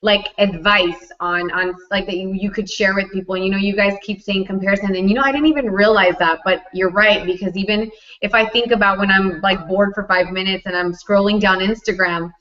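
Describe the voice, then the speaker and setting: A woman's voice: mid-range voice, fairly even intonation, fairly quick, a bit bright. Chatty woman co-host on a lo-fi stream. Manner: chatty, many "like" fillers. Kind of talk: casual livestream chat. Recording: dull lo-fi livestream audio.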